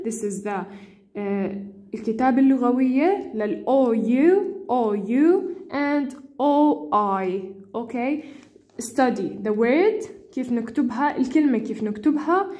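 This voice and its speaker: A woman teacher reviewing for an exam, speaking slow, repetitive English and switching to quick asides. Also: high-pitched, warm tone.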